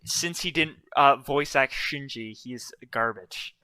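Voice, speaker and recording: A man co-hosting a casual podcast, talking in an excited, joking way and reeling off trivia. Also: mid-range voice, slow, smooth, no echo. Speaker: podcast co-host. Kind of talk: casual chat.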